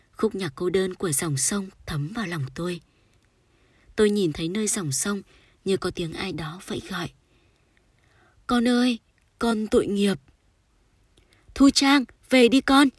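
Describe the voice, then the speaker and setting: A woman reading a sorrowful short story aloud in a soft, storytelling manner. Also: fairly low pitch, breathy edge, no echo. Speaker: audiobook narrator. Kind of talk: scripted literary narration.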